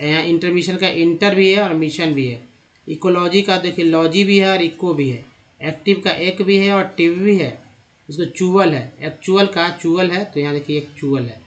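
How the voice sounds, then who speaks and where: Man teaching spelling by word parts. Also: on the high side. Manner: breaks words into parts, repeating syllables. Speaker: English reading teacher. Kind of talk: slide-based spelling lesson. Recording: dull lo-fi sound.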